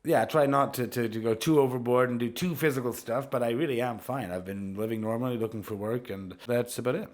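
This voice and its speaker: A man's voice: mid-range voice, fast, hardly any pauses. A young man co-hosting a podcast, chatting casually and joking with an easy laugh. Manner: relaxed and joking, often laughing. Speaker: podcast co-host. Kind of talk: casual chat.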